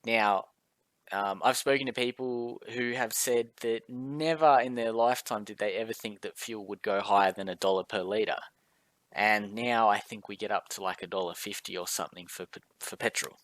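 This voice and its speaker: A man's voice: lowish voice, steady tone, moderate pace, fairly bright tone, no room sound. A man teaching a recorded maths lesson in a casual, chatty way with filler words.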